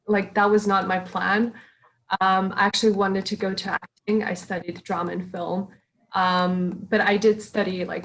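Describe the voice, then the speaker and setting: A young woman musician who grew up in Serbia and China answers interview questions as a guest, chatty and hesitant, with many fillers and frequent laughter. Her medium-pitched voice comes through poor audio.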